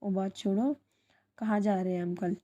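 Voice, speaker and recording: A woman reading out a moody, insecure young woman who speaks in a sulky, quiet way. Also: mid-range voice, steady tone, moderate pace, close to an everyday voice.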